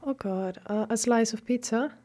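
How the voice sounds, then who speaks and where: A young Italian woman, a native Italian speaker with an Italian accent, is a guest in a casual interview. Her voice is on the high side and her pace normal, and she sounds reflective and hesitant, with lots of ums and soft laughs.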